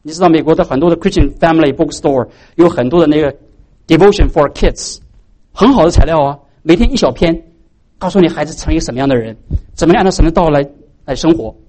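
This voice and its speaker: A man's voice: on the high side, fast talker, dark tone. A man preaching a sermon as pastor, posing rhetorical questions to the congregation.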